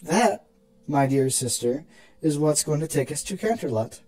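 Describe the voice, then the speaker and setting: Performer as elder pony princess: proud, protective, indulgent explainer with a mellow, swooping delivery for a fan fiction drama. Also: mid-range voice, expressive, moderate pace, slightly rough. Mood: smug.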